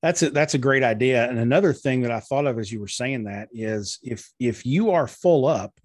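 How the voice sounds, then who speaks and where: Man, husky voice, dry close sound, earnest interview guest. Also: mid-range voice, normal speed, dry recording. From eastern Kentucky, USA. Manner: earnest, explanatory, with frequent fillers. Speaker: guest, marketing strategist. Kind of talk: conversational interview.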